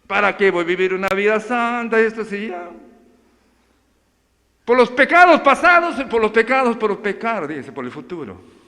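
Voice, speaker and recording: A pastor preaches with energy and keeps addressing the congregation as brothers. His voice sits fairly high for a man. A long reverberant tail follows every phrase in the church hall. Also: big pitch swings, moderate pace, sharp tone. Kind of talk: sermon.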